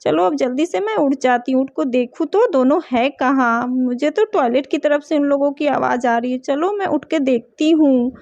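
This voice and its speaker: A woman's voice: high voice, dark tone, no echo, pitched below the performer's own voice. A woman voicing a worried, caring mother in a doll story, talking urgently. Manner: urgent, fussing. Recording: dull dry home recording.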